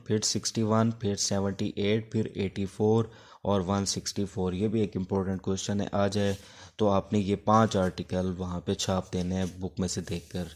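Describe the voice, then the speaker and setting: With a Pakistani accent and a lowish, darkish voice, a man walks students through law for their exams in a relaxed lecture. He uses English legal terms here and there and speaks in a halting, teacherly way, pausing between phrases.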